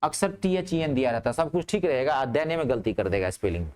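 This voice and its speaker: A smooth, fast-talking man leads a spoken grammar class, asking his students checking questions and answering them himself. His tone is lively, rising on questions and dropping low on answers.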